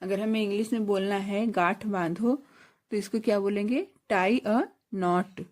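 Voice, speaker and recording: A woman teaching a basic English lesson, spelling words letter by letter, repeating phrases slowly, and asking and answering her own questions. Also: medium pitch, fairly even intonation, darkish tone.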